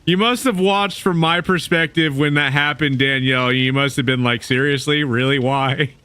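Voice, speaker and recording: A man's voice: on the high side, moderate pace, bright, forceful tone, smooth, no echo. A young man chatting casually with his viewers while streaming a game, laughing often as he talks. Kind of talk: casual gaming stream chat.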